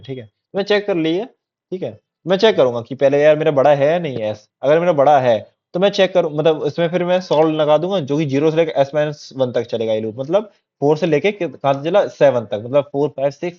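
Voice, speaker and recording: A man teaching a coding lesson in a casual, repetitive way, often checking that listeners follow. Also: a little high. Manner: chatty, repetitive, keeps checking in with "theek hai". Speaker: coding tutor. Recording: dull lo-fi recording.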